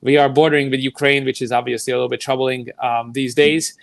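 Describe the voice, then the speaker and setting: A Hungarian youth soccer director in his thirties, speaking with a Hungarian accent, answers questions in a live interview, thoughtful and explaining at length with many fillers and restarts. His medium-pitched voice is flat, fast and creaky, with no echo.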